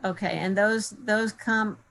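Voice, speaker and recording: A woman with a mid-range voice takes part in a committee conference call. She speaks in an inquiring way, working to get practical points clear. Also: mid-range voice, fairly even intonation, measured pace, a bit bright. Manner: inquiring, seeks clarification. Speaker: committee member. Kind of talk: questioning in a conference call meeting.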